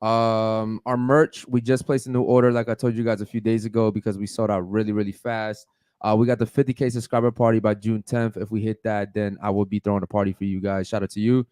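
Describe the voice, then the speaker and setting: A podcast co-host chats casually, loosely calling out sponsors, reading shout-outs and putting questions to the panel, with plenty of "man" and "uh." His voice is lowish, smooth and darkish, with little pitch movement and a fast pace. The recording is clean studio sound with no echo.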